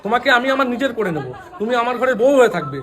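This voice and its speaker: A man's voice: very high voice, sing-song, rapid-fire, a loud crowd, heavy background noise. A man acting in a comedy skit, talking in a bossy, threatening way.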